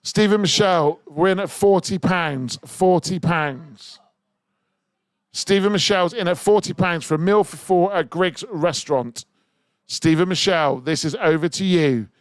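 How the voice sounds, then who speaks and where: A man's voice: high-pitched, unhurried, no room sound. A man hosting a live radio charity auction, energetically urging listeners to bid. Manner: energetic, urging bids, rising excitement. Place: radio studio.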